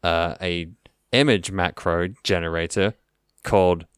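A man putting on a slow, low supervillain voice. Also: fairly even intonation, clean tone, no echo, clean studio sound. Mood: mock-menacing. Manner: slow, low, theatrical announcing. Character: pompous self-styled male supervillain.

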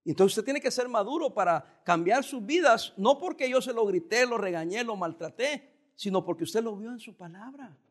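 Man, pastor, sermon, high voice, calm conversational delivery, occasional emphatic rises. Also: normal speed.

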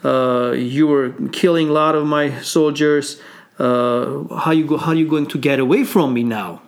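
A man's voice: a little high, steady tone, unhurried. A man voicing a mocking, gloating Persian king who taunts his captive. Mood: accusing.

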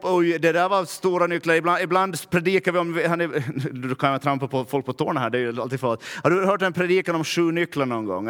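A man's voice: a little high, fairly bright tone, in a large hall. A man from Närpes with a Finland-Swedish accent, a pastor giving a conversational sermon and often asking his listeners "va?". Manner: conversational preaching, often asks "va?". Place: church.

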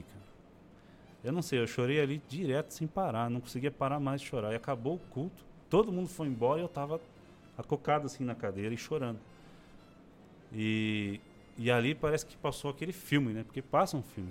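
A man in his forties speaks as an interview guest, telling a personal story in relaxed conversation. He talks expressively and slips into the voices of the people he quotes. His voice sits at an ordinary pitch, with faint music in the background. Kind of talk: casual chat, personal testimony.

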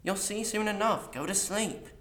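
A man voicing a sharp, evasive young woman who talks down to her captive. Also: sits high, moderate pace, roomy sound, pitched above the performer's own voice. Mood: curt. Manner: curt and condescending.

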